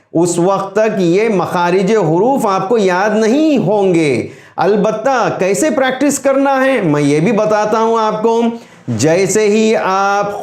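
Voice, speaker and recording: High-voiced man teaching Quran pronunciation. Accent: Urdu. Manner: slow, deliberate, drawn-out demonstration of letter sounds. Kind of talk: tajweed pronunciation lesson. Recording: echoey room.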